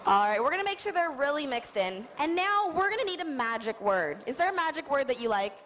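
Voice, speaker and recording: Her high voice swinging widely in pitch and moving fairly quickly, a woman hosts a live kids' science-and-magic show in party-magician style, getting the children to participate. The recording is muffled, with a loud audience crowd and background noise.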